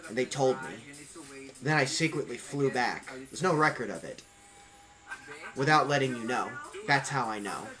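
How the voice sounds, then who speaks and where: A man's voice: medium pitch, moderate pace, over music. A man co-hosting a casual chat podcast, joking, sarcastic and swearing freely. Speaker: podcast co-host.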